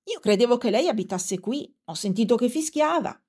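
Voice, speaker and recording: A woman voicing a gentleman who shouts down from a third-floor window, in a raised, higher voice. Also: animated, normal speed, breathy edge. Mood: puzzled.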